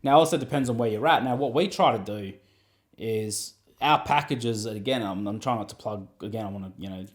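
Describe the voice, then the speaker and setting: A man's voice: fairly low pitch, a little fast. A man, an acting coach, chatting casually and rambling with lots of "you know what I mean.". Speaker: acting coach and podcast host. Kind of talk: casual advice chat.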